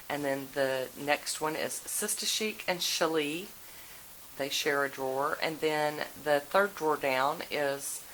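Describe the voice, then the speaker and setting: This vlogger's voice sits low and a bit bright as she casually tours her nail polish collection in a folksy manner. The handheld video was shot inside her home, and the recording is noisy with clicks.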